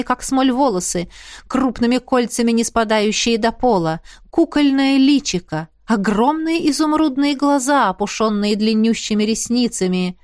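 A woman reading a fantasy audiobook in first person with steady storytelling. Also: on the high side, no echo, studio quality. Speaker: audiobook narrator. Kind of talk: scripted first-person narration.

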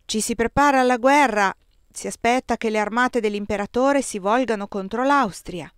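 Storybook figure: a blunt deaf composer, a man in middle age, grave and deliberate, read by a woman raising her voice higher, dry close sound. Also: smooth, no echo, lightly acted.

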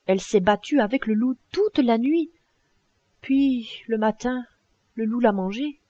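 A woman's voice: on the high side, measured pace, mellow, no room sound, muffled recording. A woman playing an older male farmer who is worried about his goat and scolds it anxiously.

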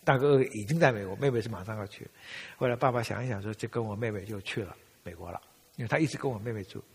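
A man, telling a personal story in a church talk and acting out family dialogue with a husky voice. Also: lowish voice, very fast. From Taiwan. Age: 70s. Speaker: speaker giving a testimony. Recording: long reverb of a large hall.

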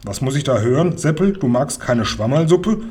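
A gruff, greedy robber from a storybook who barks commands and scoffs at everyone, as a man reads him aloud. His voice is husky and domineering. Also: mid-range voice, animated, normal speed, dark tone. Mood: bossy. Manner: barking, domineering, mocking. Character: gruff bossy male robber, greedy and mocking.

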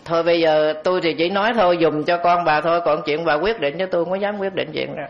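A Buddhist monk tells a story during a dharma talk, his voice sitting a little high for a man. He talks conversationally and turns to the audience directly. The recording is dull and lo-fi. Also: fairly even intonation, quick pace.

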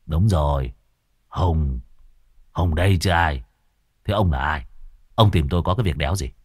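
A man voicing a brash young village man with a low, rough, curt way of talking. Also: moderate pace, dry recording, clean studio sound.

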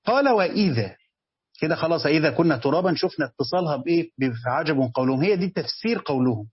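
Fast-talking Egyptian man teaching. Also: on the high side, expressive, slightly rough, dry recording, highs cut off. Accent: Egyptian Arabic. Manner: reads text aloud then explains it in colloquial speech. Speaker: teacher giving a tafsir commentary. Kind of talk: religious lesson commentary.

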